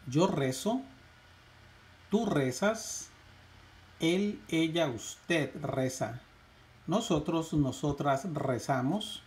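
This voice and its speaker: A man teaching a lesson, reciting verb conjugations in a slow, measured drill with rising lists. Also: fairly high pitch, darkish tone. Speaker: Spanish teacher.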